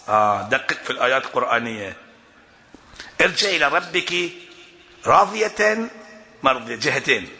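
Man preaching, fairly high and cutting, passionate and emphatic, hall reverb trailing behind. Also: pushed and bright. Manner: impassioned, builds to rising emphatic delivery, chuckles often. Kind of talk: sermon at a religious gathering. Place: religious gathering hall indoors.

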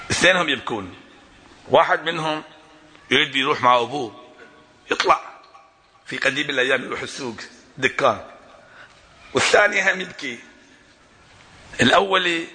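Man preaching, fairly high and cutting, passionate and emphatic, hall reverb trailing behind. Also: pushed and bright. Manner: impassioned, builds to rising emphatic delivery, chuckles often. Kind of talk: sermon at a religious gathering. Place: religious gathering hall indoors.

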